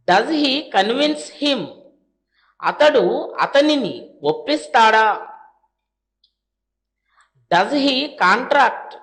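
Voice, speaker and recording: A woman with a Telugu accent teaching spoken English, reading each practice question very slowly and then translating it. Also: a little high, fairly bright tone. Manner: reads English sentences very slowly, then Telugu translations; brisk asides to "friends". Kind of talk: language lesson drilling sentences.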